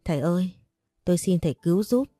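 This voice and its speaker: A woman's voice: on the low side, animated, fast, warm tone, no echo, clean studio sound, faint music behind. A woman voicing a desperate, scheming older single mother who speaks in a pleading, anxious way.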